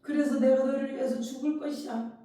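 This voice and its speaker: A pastor voicing a gentle, forgiving man who speaks softly to a friend in the middle of a sermon. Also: high voice, fairly even intonation, brisk, pitched above the performer's own voice, lightly acted. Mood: tender. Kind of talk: acted quote within a sermon. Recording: very echoey hall, distant mic.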